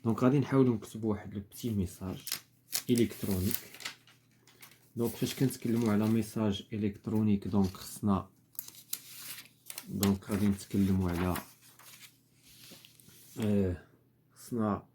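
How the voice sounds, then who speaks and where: A man's voice: fairly low pitch, fairly even intonation, brisk, long pauses, warm tone, slight background noise. A man with a Moroccan accent, patiently explaining a lesson step by step as a teacher. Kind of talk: lesson explaining worksheet answers.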